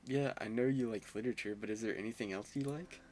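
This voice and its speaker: A man's voice: fairly low pitch, quick pace, darkish tone, slight background noise. A young man playing a visual novel, reading the narration aloud and mixing in chatty, self-mocking asides. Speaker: gamer.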